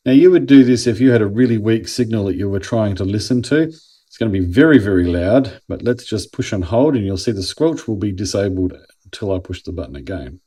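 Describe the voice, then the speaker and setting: This Australian host of a product review channel has a low-leaning voice that is mellow and a little rough. He chats through the review in a relaxed, conversational manner, explaining things as he proceeds.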